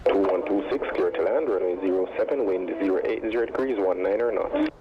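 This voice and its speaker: A man's voice: low voice, fairly quick, crowd noise. A man working as an airport tower controller, giving clipped instructions over aircraft radio. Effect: aircraft radio transmission. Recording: muffled noisy airband radio.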